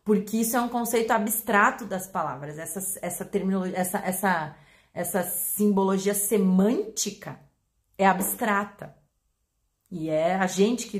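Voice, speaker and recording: A woman with a Brazilian Portuguese accent, a pet behavior educator explaining to her audience in an animated way, acting out examples. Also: mid-range voice. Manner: animated, acts out examples with voice changes.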